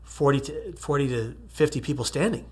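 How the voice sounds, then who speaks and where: Husky man telling his story earnestly. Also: mid-range voice, normal speed. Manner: earnest storytelling, swings from quiet whispers to emphatic rises. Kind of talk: personal testimony talk.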